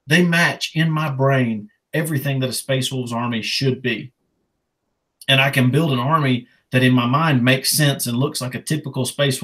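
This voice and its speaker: A man's voice: medium pitch, a bit bright, poor audio. A man chatting casually on a podcast, enthusiastic and rambling, swearing freely. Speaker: podcast co-host.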